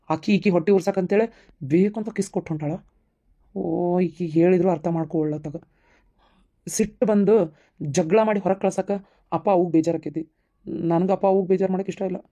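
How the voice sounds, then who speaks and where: A woman's voice: on the low side, steady tone, brisk, pauses often, mellow. A woman doing a flustered young cartoon husband. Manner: flustered, pleading. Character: young husband caught between his wife and mother, man. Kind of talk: cartoon family comedy voice acting. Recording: slightly dull, lo-fi.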